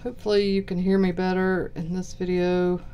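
A woman with a Southern US accent giving low-key, mumbled casual commentary while unboxing cards. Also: flat delivery, normal speed, warm tone, a little hiss or hum. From southern United States. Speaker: card box-break host. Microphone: purchased microphone.

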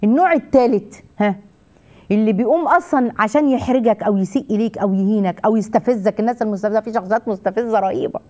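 A woman's voice: medium pitch, rapid-fire, warm tone. A middle-aged woman with an Egyptian Arabic accent, hosting an advice talk and giving counsel emphatically, repeating phrases and acting out sample replies to an audience. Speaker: TV host and family counselor.

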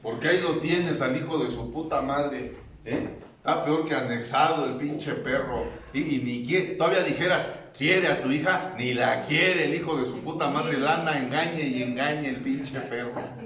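A Mexican man delivers a crude, comic recovery-meeting testimony, mocking and preachy. His voice sits somewhat high, and he slips into whiny, higher voices to mimic others. The mic is at a distance in a reverberant room. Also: moderate pace, fairly bright tone, a little hiss or hum. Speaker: speaker at a recovery group meeting.

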